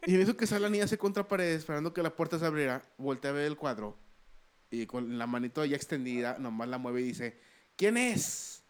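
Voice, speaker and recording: A lively man on a podcast who tells a story and acts out every voice in it. His voice sits a little high for a man. He chats casually and laughs a lot. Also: fast, clean tone. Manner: animated, acts out quoted voices, laughs often. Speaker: podcast co-host.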